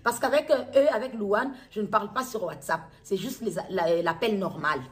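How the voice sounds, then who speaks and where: In a mid-range voice, a middle-aged woman with a Congolese accent from Kinshasa, DR Congo, gives an unscripted personal account to camera. She is a mother making a public appeal, and her words come haltingly, often repeated and restated.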